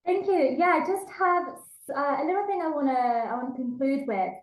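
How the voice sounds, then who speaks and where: A woman from England with an English accent gives a talk on language learning, explaining earnestly and repeating key points for emphasis. She's a language teacher with a high voice and a moderate pace, heard on a rough, reverberant recording.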